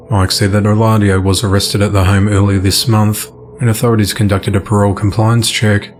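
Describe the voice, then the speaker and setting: A man reading crime news from a script in an even newsreader delivery. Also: lowish voice. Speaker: news reader.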